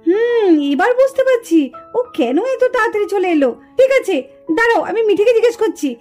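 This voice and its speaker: A patient, busy young mother, voiced by a woman in a doll puppet cartoon, asking puzzled questions and calming others. Her voice is pitched very high, with faint music behind. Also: fairly quick. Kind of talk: doll puppet show voicing.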